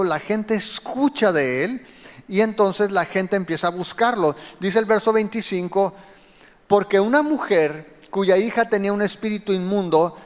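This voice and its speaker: A man's voice: sits high, in a large hall. A man preaching a sermon, explaining scripture and speaking directly to his listeners. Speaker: pastor.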